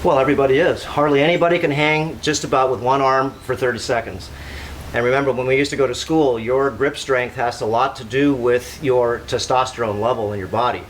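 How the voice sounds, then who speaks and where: A man's voice: medium pitch, fairly even intonation, fairly quick. A man giving a casual, rambling exercise demonstration, instructing as he goes and repeating himself. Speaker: workout host. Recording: clearly noisy ambient background.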